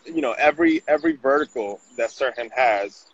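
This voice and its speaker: Brisk and husky, his mid-range voice belongs to a Venezuelan digital marketing director interviewed on a city street. He speaks casually, frequently restarting what he says, in a dull recording with faint noise.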